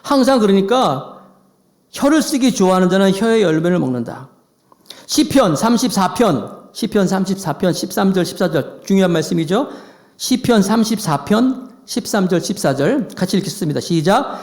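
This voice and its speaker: A man preaching a Sunday sermon as pastor, animated, acting out quoted voices. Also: high voice, normal speed.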